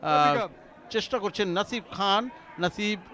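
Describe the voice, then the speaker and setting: A man giving excitable live football commentary that builds to shouted calls. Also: high voice, measured pace. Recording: outdoor crowd noise behind the voice. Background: outdoor stadium crowd.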